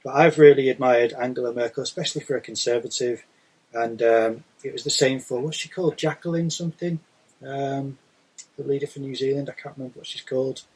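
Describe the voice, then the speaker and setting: A man's voice: mid-range voice, fairly even intonation, a little fast, darkish tone, breathy edge, rough recording. A British man chatting casually as a podcast co-host, explaining himself in a rambling way. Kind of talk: casual chat.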